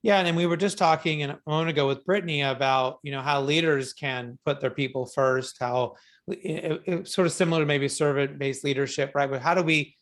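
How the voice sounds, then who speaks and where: Casting: male radio interviewer, medium-high voice, casual and somewhat halting in phrasing. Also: steady tone. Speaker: radio show host and interviewer.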